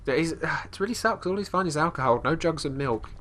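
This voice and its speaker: With a fairly high pitch and lively intonation, this man talks a little fast in a slightly bright voice. He's a congested let's play host casually commenting on a fantasy game, describing his character's actions in third person. His talk rambles, and sentences often get restarted.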